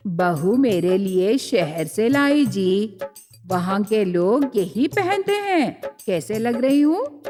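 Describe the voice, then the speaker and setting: A woman's voice: medium pitch, sing-song, takes it slowly, warm tone, voice pushed down. A woman voicing a chatty middle-aged village mother-in-law who scolds and boasts. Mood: vain. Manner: scolding, then vain and boastful. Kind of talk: storybook character voice. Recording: reverberant, with faint music.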